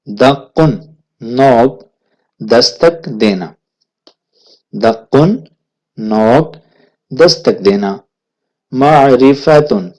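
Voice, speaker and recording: A man teaching a vocabulary lesson, saying each word twice, then its meaning, in a slow, deliberate way, with a Pakistani Urdu accent. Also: medium pitch, darkish tone. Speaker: language teacher. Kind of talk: vocabulary lesson, repeating words slowly.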